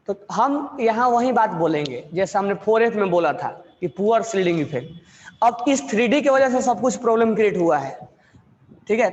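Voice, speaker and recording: A male chemistry teacher giving a classroom lecture, asking questions and answering them himself, repeating key phrases slowly. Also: sits high, big-room sound, muffled recording, a little hiss or hum. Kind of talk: classroom lecture in Hindi mixed with English.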